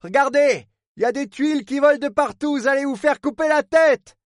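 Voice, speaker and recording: A man voicing a gruff, fretful middle-aged male harbor superintendent in an audiobook, speaking bluntly and rustically, full of oaths. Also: extremely high pitch, a little fast, dry recording, clean studio sound, voice pushed up. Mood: worried, pleading. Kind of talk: audiobook character voice.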